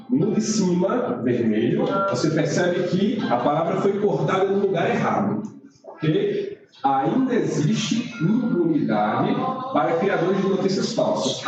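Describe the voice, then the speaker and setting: A male teacher explains writing errors step by step, checking in often with "tá?". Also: high-pitched. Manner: explanatory, frequent "tá?" check-ins. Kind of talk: online writing lesson. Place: room, recorded live stream. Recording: roomy, distant, dull mic with noise.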